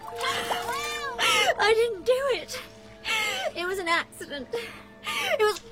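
A terrified young woman in a mystery drama. Her cries are extremely high and drawn out, as if struggling in someone's grip. Loud music swells over her. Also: steady tone, extremely slow, exaggerated voice. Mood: panicked, struggling.

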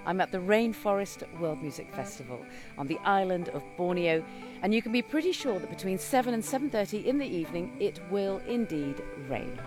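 A woman reporter giving a radio travel report in a measured, descriptive way. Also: medium pitch, lively intonation. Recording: music playing behind.

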